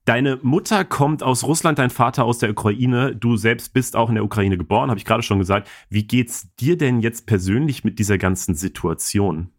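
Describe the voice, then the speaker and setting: A man hosting a podcast from home, explaining the news in a relaxed, conversational way. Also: mid-range voice, moderate pace, hardly any pauses. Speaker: podcast host. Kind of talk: podcast talk. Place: at home in isolation.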